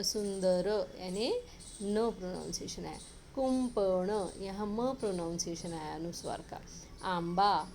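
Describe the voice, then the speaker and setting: A woman teacher, patiently explaining a lesson to children and slowly sounding out syllables. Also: mid-range voice, darkish tone, slight background noise.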